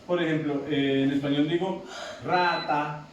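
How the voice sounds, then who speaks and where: A man's voice: on the high side, fairly even intonation, a little slow, far from the mic, muffled recording. A man teaching an English pronunciation lesson to a class, repeating himself and often checking whether the students follow. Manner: repetitive, asks students checking questions. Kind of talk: classroom lecture. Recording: very echoey classroom from afar, noisy.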